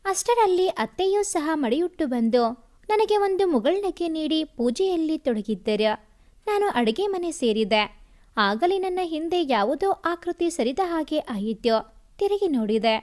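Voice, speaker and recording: A woman storyteller reading a family story aloud with expressive, emotional narration. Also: sits high, a little slow.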